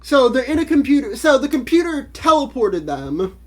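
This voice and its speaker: A young woman live-streaming her first read of a webcomic, chatting casually and working through confusion aloud. Her voice is a little high and husky, with a lively, bouncing pitch. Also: normal speed. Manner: casual, puzzled, thinking aloud. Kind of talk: live-stream reading reaction.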